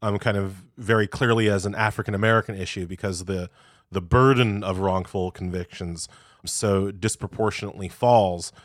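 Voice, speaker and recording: A man's voice: on the low side, fairly even intonation, moderate pace, no echo, studio quality. A male interview host asking careful questions, rephrasing as he goes.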